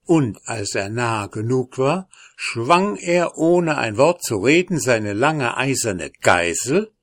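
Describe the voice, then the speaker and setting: A man reading a fairy tale aloud in a slow, measured way. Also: mid-range voice, dry recording, studio quality. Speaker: narrator.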